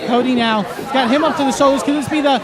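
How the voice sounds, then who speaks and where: A man doing live play-by-play as a wrestling commentator, excitably calling out each move. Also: very high voice, fast talker, rough recording. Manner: excitable, exclamatory calls of the action. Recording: loud crowd noise behind. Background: loud arena crowd.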